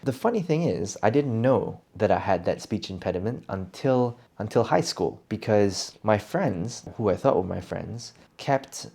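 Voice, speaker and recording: A young man with a fairly low voice and a gravelly, creaky edge talks through a casual solo podcast episode. He is an English coach speaking his native language. He sounds reflective and often restarts a phrase before finishing his thought. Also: expressive, unhurried, few pauses, mellow.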